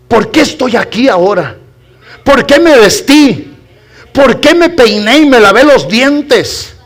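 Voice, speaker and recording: A male pastor preaching a sermon with fervor. He fires rhetorical questions at the congregation and calls them brothers. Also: extremely high pitch. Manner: fervent preaching with rhetorical questions and rising shouts.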